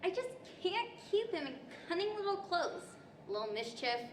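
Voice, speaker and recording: A woman's voice: extremely high pitch, sing-song, normal speed. A young woman playing Alice, a polite, curious, eager storybook girl, in earnest, old-fashioned radio-play style. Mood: pleading. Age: young adult. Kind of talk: 1940s radio-style stage acting. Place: library event room, indoors, live stage. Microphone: stand microphone. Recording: roomy hall with faint noise.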